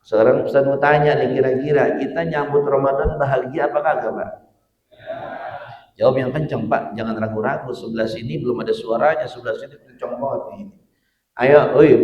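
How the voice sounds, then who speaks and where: A man from Cibitung, Indonesia, with a mid-range voice preaches a dawn sermon in a mosque hall, joking with the congregation, quizzing them, and building to fervent emphasis. The lo-fi sound is echoey, with the mic at a distance.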